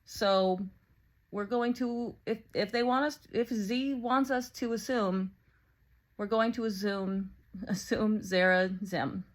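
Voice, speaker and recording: A woman's voice: mid-range voice, steady tone, slow. A woman in her thirties doing sarcastic, profane reaction commentary on a video clip. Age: 30s. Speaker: commentary host.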